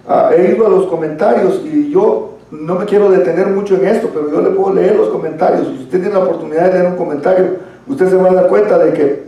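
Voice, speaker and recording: A man with a high, gravelly voice teaches a church Bible study, explaining patiently and calling listeners brother. His tone is mellow rather than bright. He is heard from far off in a very echoey hall. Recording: echoey room, far from mic.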